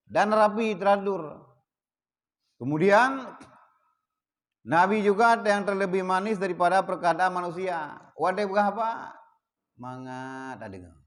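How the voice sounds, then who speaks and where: An Acehnese man teaching a religious text to a gathering, his fairly high voice leaping all over in lively swings. He stresses words hard, then drops to soft asides. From Aceh. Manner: animated, emphatic, swings between loud stresses and quiet asides. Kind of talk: religious text study lecture.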